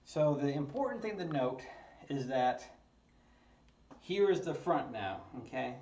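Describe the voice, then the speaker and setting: In his home basement workshop, a man runs his maker channel, chatting casually and chuckling often at his own expense while putting together a 3D printer kit. His medium-pitched voice is animated, unhurried and a bit dark, with slight background noise. A tripod-mounted camera across the table picks him up, so the sound is roomy, distant and slightly dull.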